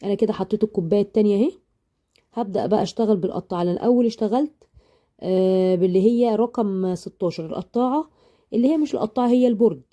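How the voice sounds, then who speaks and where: A woman with an Egyptian Arabic accent hosts a casual baking tutorial, chatting affectionately and wandering into rambling asides. Her voice is medium-pitched and warm, though still a little hoarse after a sinus illness.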